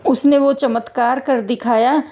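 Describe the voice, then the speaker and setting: A woman's voice: high-pitched, fairly even intonation, measured pace, mellow. A woman voicing a middle-aged male security guard in a spoken story, bantering and fatherly in manner. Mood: remorseful. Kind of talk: storytelling voice acting.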